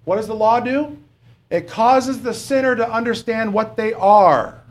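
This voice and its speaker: A middle-aged man with a voice that sits high delivers a sermon in a plain, halting way. He pauses on fillers and asks rhetorical questions.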